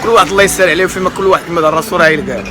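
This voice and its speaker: A man's voice: sits high, rapid-fire. Earnest Moroccan man with music behind. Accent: Moroccan Darija. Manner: earnest, full of blessings and wise remarks. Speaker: friend.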